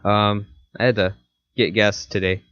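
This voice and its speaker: Young man with a cold, deadpan podcast co-host, dry and dull recording. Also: lowish voice, unhurried, clear, resonant tone, no room sound. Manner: laid-back, deadpan teasing. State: sniffly from a cold. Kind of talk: casual chat.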